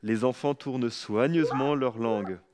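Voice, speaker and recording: A man narrating a children's story with an expressive, lively reading. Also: mid-range voice, moderate pace.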